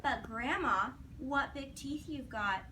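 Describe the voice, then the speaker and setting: Recorded on a distant mic amid classroom noise, a woman teacher with a high-sitting, sharp-toned voice reads slowly to young children. During the read-aloud lesson she asks the children questions, gives simple instructions, and praises them.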